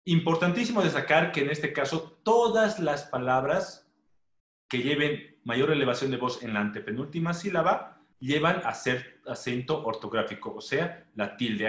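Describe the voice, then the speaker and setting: A male teacher giving a primary school lesson, speaking slowly and deliberately, repeating words and checking in with short questions. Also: mid-range voice, expressive, a bit bright. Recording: echoey room.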